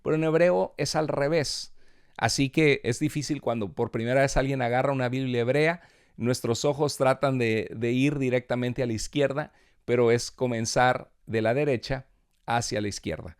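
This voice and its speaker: A man teaching a seminary Bible class, explaining patiently and reading out Hebrew and Greek words slowly. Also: mid-range voice, steady tone, clean tone, dry recording, studio quality.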